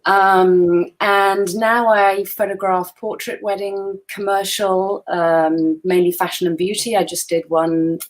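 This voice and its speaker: A woman's voice: mid-range voice, level tone, takes it slowly, hardly any pauses. A woman in her forties, a photographer presenting in a chatty, self-deprecating way over a video call. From Wales. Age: 40s. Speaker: guest photographer. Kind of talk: webinar presentation.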